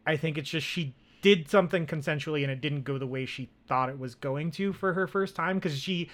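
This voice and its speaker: A man's voice: fairly high pitch, brisk, a bit bright. A man co-hosting a film podcast, talking casually with lots of fillers and restarts. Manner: rambling, many fillers and restarts. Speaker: podcast co-host.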